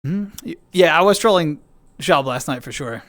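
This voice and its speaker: A man's voice: a little high, expressive, normal speed, a bit bright, dry recording. A young man streaming, chatting casually with his viewers in a rambling way full of restarts and fillers.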